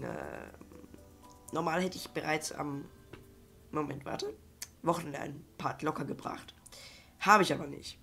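Somewhat high and a bit bright, this young man's voice has vocal fry and the sound of a cold. He's a gaming YouTuber rambling casually through a let's-play, with plenty of fillers and false starts.

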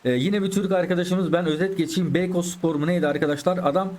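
A man's voice: sits high, fast, a little mellow. A man giving chatty live commentary over his own football video game, talking to his viewers and exclaiming at the plays. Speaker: gaming YouTuber.

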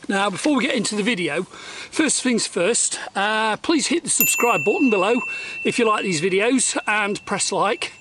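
A man in his forties rambles through a casual DIY vlog, full of fillers and restarts, his high, animated voice moving at normal speed with a fairly bright tone. He recorded on a camera mic both outdoors by a lake and in a kitchen. The audio is poor, with an echoey room and a little hiss or hum.

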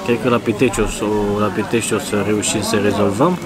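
A man's voice: fairly low pitch, steady tone, a loud crowd. A man in his thirties from Romania, vlogging to a camera held at arm's length, chatty and rambling with restarts as he talks to viewers. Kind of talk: casual car vlog to camera. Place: outdoors by garages, car and restaurant. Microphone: phone or camera held at arm's length.

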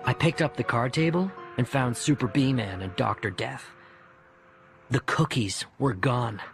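This narrator has a mid-range voice with vocal fry and reads a little slowly. He delivers a first-person audiobook story expressively, acting out the dialogue over background music.

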